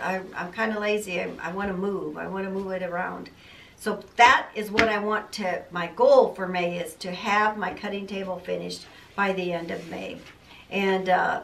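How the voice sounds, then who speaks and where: A woman's voice: medium pitch, a bit bright. An older woman vlogging casually about her sewing plans, chatty and rambling, in a cluttered home sewing room. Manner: chatty, rambling, self-deprecating. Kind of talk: casual chat to camera. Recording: roomy, mic at a distance.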